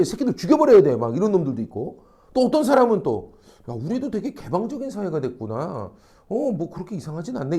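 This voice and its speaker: A man teaching a classroom lecture, casual and blunt with his students, acting out quoted people and checking constantly that they follow. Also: a little high. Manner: animated, acts out quoted people. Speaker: academy teacher.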